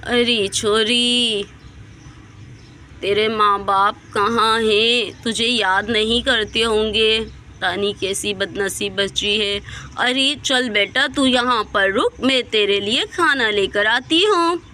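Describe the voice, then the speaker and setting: Brief: woman doing a rustic village mother, blunt but motherly, bright and high in a storybook tale. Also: takes it slowly, slight background noise. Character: rural village mother, middle-aged, blunt.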